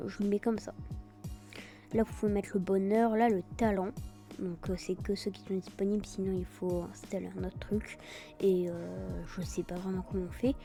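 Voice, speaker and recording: A woman with a very dark, soft-edged voice talks through a software tutorial. Her French accent takes on an English tinge on some words. She explains casually and hesitantly, improvising as she goes, over faint music. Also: mid-range voice, level tone, normal speed, creaky. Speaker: tutorial video host.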